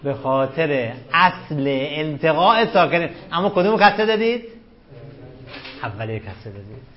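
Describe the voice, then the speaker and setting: Guy teaching a class, fairly high voice, keeps firing questions, muffled lo-fi sound. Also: animated. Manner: questioning students, repeating rules, emphatic. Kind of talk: classroom lecture on Arabic grammar. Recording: dull lo-fi classroom recording.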